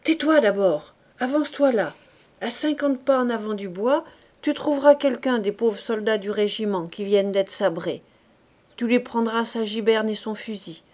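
A brisk, commanding corporal, put on by a woman reading a story aloud. He barks short orders in a loud, higher-pitched voice. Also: close to an everyday voice. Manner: barking orders, raised voice. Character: gruff blunt male corporal, brisk and commanding.

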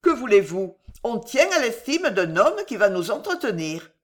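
Une femme qui joue une jeune femme de chambre rusée, volubile et enjôleuse, qui plaide avec aplomb. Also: female voice, a little high, very animated, normal speed. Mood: enjôleur. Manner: voluble, wheedling, theatrical. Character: young cunning female chambermaid, glib and persuasive.

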